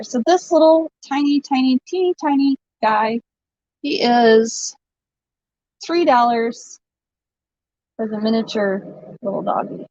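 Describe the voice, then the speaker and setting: A talkative woman hosts a live vintage sale, laughing frequently and speaking unhurriedly in a fairly high, somewhat dark voice. It's casual live-stream selling chat, and the audio is dull, lo-fi, dry and close.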